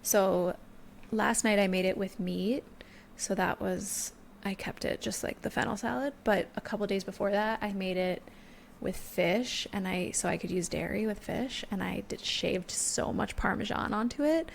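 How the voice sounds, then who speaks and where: A woman's voice: mid-range voice, moderate pace, vocal fry, a little hiss or hum. A woman in her thirties co-hosting a podcast, bubbly and enthusiastic in casual chat. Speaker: podcast co-host.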